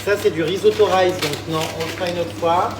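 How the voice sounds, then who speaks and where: A man's voice: high voice, noisy background. A man chatting casually to his viewers from his home kitchen in a vlog. He gets worked up easily, swears freely and vents at length. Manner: excitable, quick to vent and swear, chatty. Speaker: vlogger.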